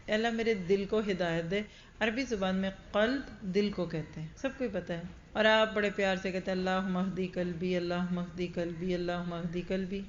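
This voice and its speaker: A woman's voice: medium pitch, lo-fi sound, a little hiss or hum. A woman giving a religious lecture to a large audience. She speaks earnestly and directly, often putting questions to her listeners. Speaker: Quran teacher. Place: large gathering hall.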